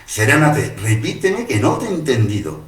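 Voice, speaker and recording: A man's voice: medium pitch, sing-song, moderate pace, pitched above the performer's own voice, close to an everyday voice. A man voicing a stern, anxious older village priest, who speaks in a firm, questioning way. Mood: alarmed. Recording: roomy, distant mic.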